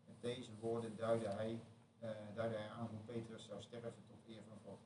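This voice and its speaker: A man reading a Bible passage aloud in a steady, measured way, recorded from far off in an echoey church hall. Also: lowish voice. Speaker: scripture reader. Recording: echoey room from far off, noisy.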